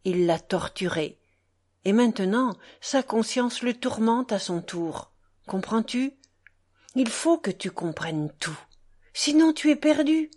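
A woman voicing a grave, deliberate older male foreman of a dye works. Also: a little high, animated, darkish tone.

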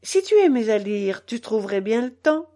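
A woman voicing a gentle young seamstress. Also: fairly high pitch, very animated. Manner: soft, drawn-out speech.

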